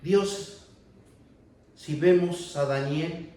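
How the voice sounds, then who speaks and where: Male preacher, emphatic sermon delivery, slow pace, distant mic in a booming echoey hall. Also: mellow. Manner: slow, deliberate preaching with raised emphatic passages. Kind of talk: sermon with Bible reading. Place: church hall.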